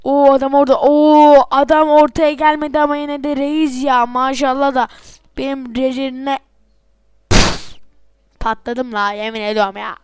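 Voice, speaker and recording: A woman giving excitable let's-play game commentary, swearing and breaking into sudden yells, her voice off from being sick. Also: high voice, moderate pace, no echo, studio quality. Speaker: gameplay commentator.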